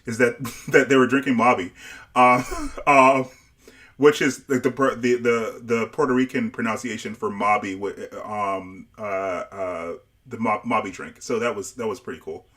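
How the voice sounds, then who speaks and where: Halting man from Barbados, livestream co-host. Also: fairly low pitch, steady tone, fairly bright tone. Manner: halting, many restarts and repeated words. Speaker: show co-host. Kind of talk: casual review discussion.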